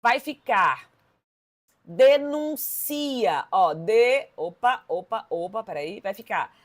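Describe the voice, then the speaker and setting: A woman with a Brazilian Portuguese accent teaching an exam-prep grammar lesson, lively and emphatic, talking straight to her students. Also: mid-range voice, measured pace.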